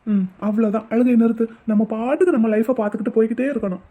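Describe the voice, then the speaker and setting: A woman voicing a gentle, devoted young man who coaxes and comforts his wife in an amateur audio drama. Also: fairly high pitch, steady tone, very fast, phone-quality sound, natural voice. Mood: soothing. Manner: soothing, coaxing.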